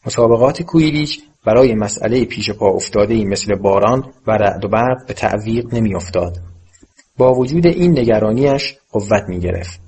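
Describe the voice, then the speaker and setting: A man narrating an audiobook with a steady, measured reading. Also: on the low side, slight background noise.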